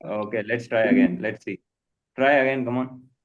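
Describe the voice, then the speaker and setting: A man's voice: fairly low pitch, drawn-out words, muffled recording. A man coaching a live jump rope class, mixing Hindi and English and repeating short commands. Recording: echoey room.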